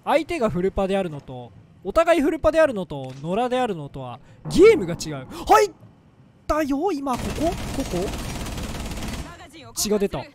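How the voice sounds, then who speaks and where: Brief: male gameplay commentator, playful and jokey, lively swooping delivery, sudden yelps in tense moments. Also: sits high, slight background noise. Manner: excitable, jokey, bursts into loud yelps during fights. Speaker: gaming commentator. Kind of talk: let's-play game commentary.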